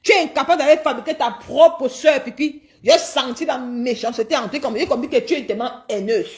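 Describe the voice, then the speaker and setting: A woman, ranting and taunting in a mocking gossip stream, repeating her jabs with loud outbursts. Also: high voice, brisk.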